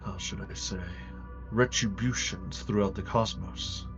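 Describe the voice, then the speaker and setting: A man voicing a regal dragon king who speaks in a stately, measured way, in a tabletop fantasy game. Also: lowish voice, steady tone, dull audio, music in the background, natural voice. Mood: stern, measured. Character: regal dragon king addressing intruders in his palace.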